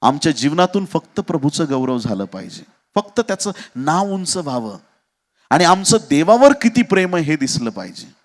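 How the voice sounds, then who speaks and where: A man preaching a sermon as pastor, dramatic, with sudden shouts and acted quotes. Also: fairly high pitch, very animated, normal speed.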